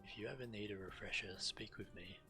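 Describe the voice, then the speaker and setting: Brisk and lowish, a game streamer's voice reads quest text aloud and narrates his play in an understated, matter-of-fact way. Video game music is faintly audible behind him.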